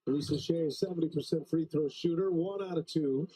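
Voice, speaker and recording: A man calling live basketball play-by-play, reading out stats between plays in a brisk way. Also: a little high, warm tone, low-quality recording. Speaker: play-by-play commentator.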